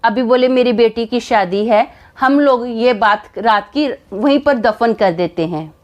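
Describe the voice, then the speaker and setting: A woman's voice: fairly high pitch, measured pace, lo-fi sound, lightly acted. A woman voicing a stern older uncle, firm and complaining, in a storytelling vlog. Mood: solemn.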